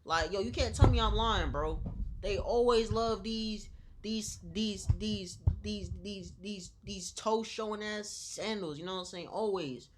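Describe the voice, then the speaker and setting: A woman giving live-stream reaction commentary in casual slang, her pitch sitting in the middle of the usual range. she repeats herself and keeps addressing her viewers, loose and chatty throughout. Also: measured pace, background noise. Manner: slangy, repeats words, talks straight to viewers.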